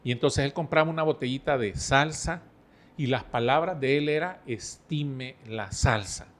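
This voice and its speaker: A middle-aged man, a podcast guest who talks calmly and explains with stories and analogies. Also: a little high. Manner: storytelling, explains with analogies, calm and measured. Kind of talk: relaxed podcast conversation.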